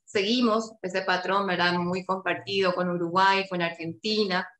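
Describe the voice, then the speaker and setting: A woman's voice: fairly low pitch, steady tone, moderate pace, fairly bright tone, echoey room. A woman with a Paraguayan Spanish accent giving an academic seminar talk, explaining with many tag questions and fillers over a video call. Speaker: linguistics researcher.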